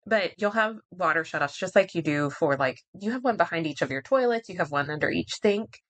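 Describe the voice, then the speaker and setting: A woman's voice: on the low side, animated, brisk. A woman co-hosts a casual podcast. She explains home maintenance in a practical, matter-of-fact way. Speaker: podcast co-host.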